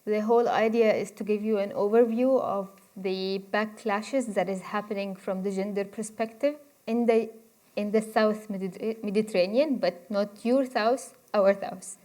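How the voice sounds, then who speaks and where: A woman's voice: mid-range voice, fairly even intonation, normal speed, dark tone. A woman, giving a conversational university lecture and inviting the audience to interrupt with questions. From Egypt. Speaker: guest speaker.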